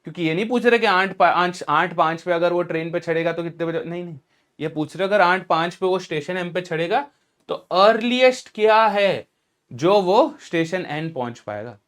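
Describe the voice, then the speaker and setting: A man's voice: high voice, moderate pace, fairly bright tone. A man teaching exam strategy in a casual, emphatic lecture, mixing in English and asking rhetorical questions.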